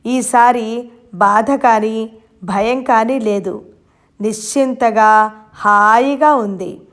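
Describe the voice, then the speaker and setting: A woman reads a novel aloud in a gentle storytelling manner. Her voice is fairly high, and she takes her time. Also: extremely slow. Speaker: audiobook narrator. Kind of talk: scripted novel narration.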